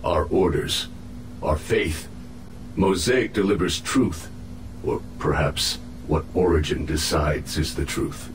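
A man voicing a captive alien infiltrator in a video game, solemn, proud and menacing, with formal, measured speech. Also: a bass voice, echoey room, over music, rough recording. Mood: troubled, solemn. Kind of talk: video game cutscene acting.

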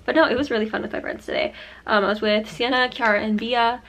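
Gushy young woman vlogger, slightly high. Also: fairly even intonation, quick pace, fairly bright tone. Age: young adult. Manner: gushy, rambling, quotes herself with lots of "like". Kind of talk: casual chatty vlog.

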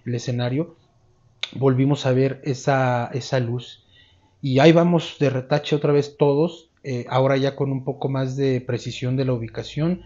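A man's voice: medium pitch, flat delivery, normal speed, mellow, lo-fi sound. Mexican man telling a night story. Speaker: eyewitness interviewee. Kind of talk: recounting a memory. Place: dark room, seated. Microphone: lapel mic.

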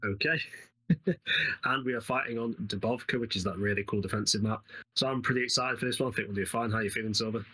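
Speaking quickly in a husky, bright and forceful lowish voice, an East Midlands Englishman hosts a gaming channel, rambling casually over a co-op game and laughing frequently. The recording quality is low.

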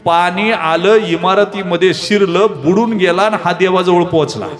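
A man's voice: high voice, moderate pace, crowd noise. A man preaching a kirtan sermon, telling stories and putting rhetorical questions to the audience. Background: pakhawaj drum and devotional music.

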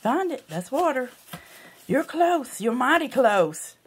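A woman's voice: high-pitched, sing-song, takes it slowly, slight background noise. A woman filming at home with a phone, coaxing her dog in sing-song baby talk and a little out of breath. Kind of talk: casual home video.

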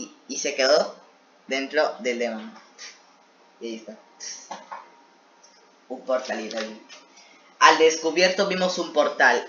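A man's voice: mid-range voice, sharp tone, slight background noise. A man reading his old homemade story aloud and mocking it with joking asides. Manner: self-mocking, joking asides between read passages. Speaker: video creator reacting to his own old series. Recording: echoey room, dull lo-fi sound.

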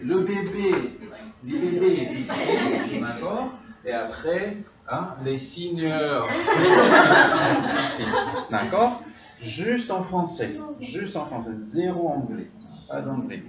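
Lively teacher in an echoey classroom. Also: male voice, a little high, slow pace. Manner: repeats phrases and drills the class. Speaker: French teacher. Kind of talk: classroom instruction. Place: classroom, large indoor room. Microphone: far camera. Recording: roomy, distant, dull camera audio with room noise.

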